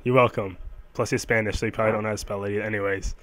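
A man playing a mafia boss who threatens in a casual, halting, offhand way, in an amateur game role-play. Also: on the low side, little pitch movement, a crowd in the background, close to an everyday voice. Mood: casually taunting. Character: casually menacing male mafia boss hunting his money.

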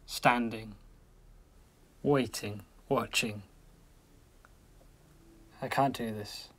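An actor playing a fearful man under hypnosis, speaking in a husky, halting, dazed way. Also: mid-range voice, fairly even intonation, fairly bright tone.

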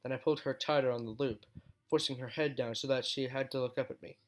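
A man reading a fan story aloud as steady first-person narration, with occasional slips. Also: medium pitch, quick pace. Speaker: fan fiction reader.

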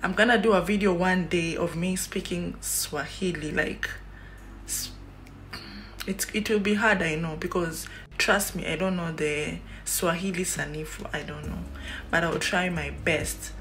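A young Kenyan woman with a fairly low voice and a Kenyan accent talks unhurriedly into a phone held at arm's length, faint music behind her in a small room. This YouTuber's casual vlog chat wanders on with many fillers and lively hand gestures.

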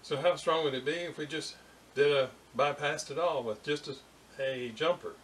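An electronics hobbyist gives an informal hands-on technical demo, halting and thinking aloud. His fairly high voice is a bit bright. The camera's built-in mic catches him in a room of a house, with roomy echo and faint background noise.

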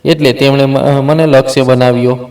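Male narrator doing a frail poisoned husband, quiet and tired, flat delivery, storybook read. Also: mid-range voice, moderate pace, lightly acted. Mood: bitter. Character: weak, poisoned village man, tender.

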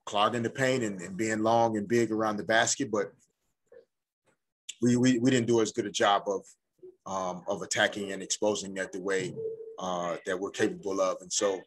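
A middle-aged male coach speaks in a low, husky voice. He answers reporters after a game, measured and thoughtful, and he often pauses mid-sentence. He talks into a desk mic in a press room. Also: fairly even intonation. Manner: measured, thoughtful, often pausing to find words. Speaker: head coach. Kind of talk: postgame press conference answers. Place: indoor press room before a sponsor backdrop. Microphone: desk microphone in front of him.

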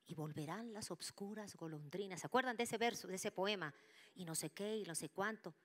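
A woman preaching to her church, telling a personal testimony with lively storytelling and dropping into whispers for quoted voices. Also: medium pitch, a little fast. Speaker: church speaker.

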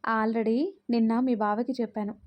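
A woman's voice: fairly high pitch, normal speed, lo-fi sound, close to an everyday voice. A woman voicing a cheerful, affectionate young man who jokes with his fiancée. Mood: playful. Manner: playful, lively.

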